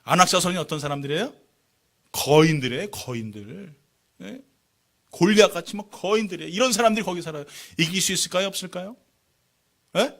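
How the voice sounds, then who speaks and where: A male pastor preaching a lively, joking sermon in church, often calling out questions to the congregation. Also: high voice, brisk, vocal fry, pauses often. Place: church sanctuary.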